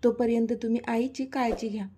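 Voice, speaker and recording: A woman's voice: fairly high pitch, fairly even intonation, brisk, noisy background, lightly acted. A woman narrator voicing an anxious young male caretaker who pleads urgently and tearfully. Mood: worried pleading.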